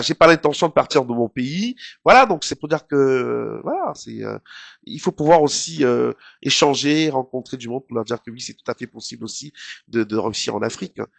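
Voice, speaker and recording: A man's voice: medium pitch, vocal fry, no echo. A middle-aged man from Cameroon with a Cameroonian French accent, answering interview questions in a casual, hesitant way with many fillers. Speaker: TV host, guest.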